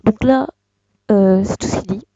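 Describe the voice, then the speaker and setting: Young tutorial host, gravelly and mellow, hesitant delivery, dull dry desktop mic sound. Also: mid-range voice, a little slow, no echo. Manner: hesitant, many fillers and restarts. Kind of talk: casual screen-recorded tutorial.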